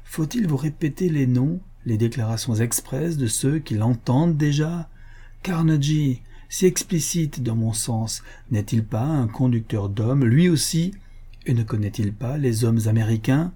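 A man's voice: medium pitch, a little slow, mellow, breathy edge. A man voicing a zealous bearded prophet who speaks in an impassioned, declamatory way. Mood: fervent.

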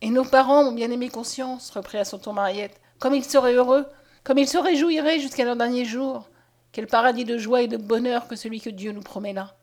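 A woman's voice: a little high, fairly even intonation, brisk, darkish tone, natural voice. A woman voicing a hopeful, devout young peasant girl who speaks fervently and tenderly. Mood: joyful.

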